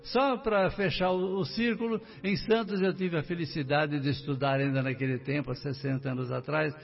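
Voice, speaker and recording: A man's voice: a little high, steady tone, moderate pace, gravelly. An older man from Brazil, a guest on a radio talk show, telling his life story and talking straight to the listeners. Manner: warm storytelling, addressing listeners directly. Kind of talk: casual radio interview. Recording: muffled distant radio studio mic.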